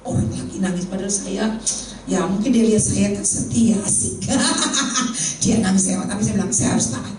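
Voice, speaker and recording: A middle-aged woman giving a lively sermon testimony in a church hall, joking with the congregation, her voice leaping up when excited. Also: mid-range voice, normal speed, over music. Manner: animated, jokes with the congregation, voice leaps up in excitement. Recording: very echoey hall, heard from far off.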